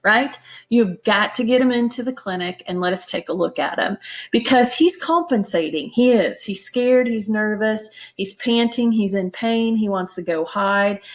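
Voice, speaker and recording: A woman's voice: mid-range voice, animated, normal speed. Emphatic woman teaching a vet lecture. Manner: emphatic, checks in with "okay?" and "right?". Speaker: veterinary emergency instructor. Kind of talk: conversational lecture.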